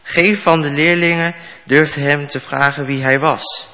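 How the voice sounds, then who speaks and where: A man reads a Bible passage aloud, slow and measured, with a few slips. His voice has a bright, clear tone at a middle pitch. A long reverb rings after his words, as in a large hall. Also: fairly even intonation. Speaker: scripture reader. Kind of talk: Bible reading.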